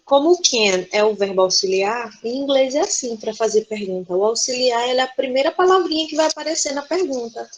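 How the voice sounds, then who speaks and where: A woman's voice: a little high, expressive, a little fast, hardly any pauses, poor audio. A woman teacher with a Brazilian Portuguese accent giving a remote class, explaining patiently and tagging her sentences with "né?". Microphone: video call.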